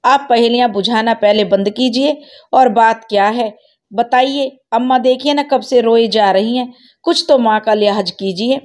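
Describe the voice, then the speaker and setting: A woman storyteller voicing a gentle young wife who politely pleads with her husband to calm down. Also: on the high side, measured pace, natural voice. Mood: pleading.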